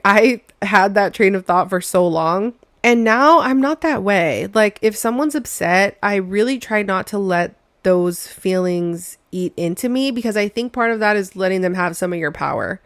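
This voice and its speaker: A woman's voice: mid-range voice, no room sound. A young adult woman hosting a solo podcast, telling a personal story in a chatty, emphatic way, often saying "girl" and "like". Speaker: podcast host.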